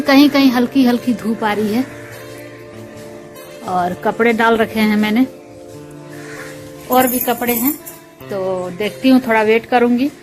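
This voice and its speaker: Chatty home vlogger woman over music. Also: fairly high pitch. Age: adult, mother of school-age children. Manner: chatty and homely, talks directly to viewers. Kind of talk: casual chat narrating a cooking routine. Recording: voice under loud background music.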